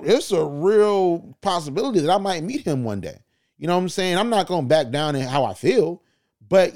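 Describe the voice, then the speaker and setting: A man hosting his own podcast, talking in a loose, animated way full of slang and asides. His voice sits a little higher than most men's, and he keeps it conversational and opinionated. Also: no room sound, studio quality. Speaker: podcast host. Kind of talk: casual opinion commentary.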